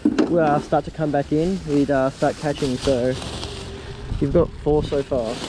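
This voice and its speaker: A man's voice: a little high, fairly even intonation, unhurried. A young man giving casual, upbeat running commentary while fishing from an outdoor pier, talking to his viewers, recorded on a head-mounted camera. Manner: chatty, upbeat, addresses viewers as guys. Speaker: fishing vlogger. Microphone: head-mounted action camera. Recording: loud wind noise on camera mic. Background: wind and water.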